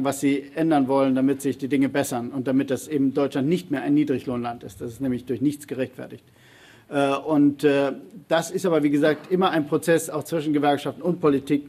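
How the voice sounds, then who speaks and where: A man on a panel answering audience questions in a public debate, arguing emphatically and often pausing on fillers and restarts. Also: fairly high pitch, a little mellow, husky.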